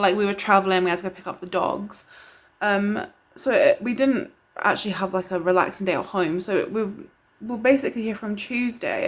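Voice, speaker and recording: A young woman from the UK, a beauty vlogger chatting casually to camera, rambling and excitable. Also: mid-range voice.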